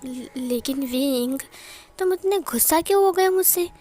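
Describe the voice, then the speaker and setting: A woman voicing a gentle pleading young man. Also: sits high, expressive, measured pace, faint music behind.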